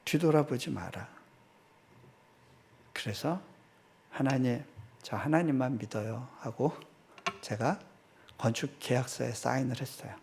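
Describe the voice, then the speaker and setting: A middle-aged man preaching in a church, his voice gravelly and low-edged with fry. He tells a personal story with animated delivery, voicing his own prayers aloud. His pitch sits in an ordinary middle range. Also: unhurried, pauses often. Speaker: missionary preacher. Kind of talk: storytelling sermon. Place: church sanctuary.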